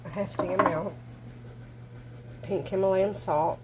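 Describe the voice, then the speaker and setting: A woman's voice: mid-range voice, fairly even intonation, measured pace, very noisy. A woman chatting to viewers while walking by a lake, a little out of breath. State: slightly out of breath. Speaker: vlogger. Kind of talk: casual vlog narration. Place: outdoors by a lake, woods.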